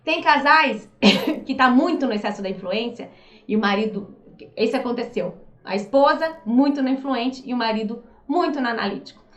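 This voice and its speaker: A Brazilian woman with a high voice explains things casually in a room with a lot of echo. She jumps into quick little put-on voices for the people she quotes. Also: animated, muffled recording. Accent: Brazilian Portuguese. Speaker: behavioral profile coach. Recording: echoey room.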